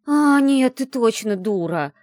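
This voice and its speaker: A woman reading an audiobook and voicing a brash, teasing young woman who is the heroine's best friend, talking in a loud, mocking, bossy way. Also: mid-range voice, big pitch swings, a little fast, dry recording, clean studio sound, voice pushed up, lightly acted.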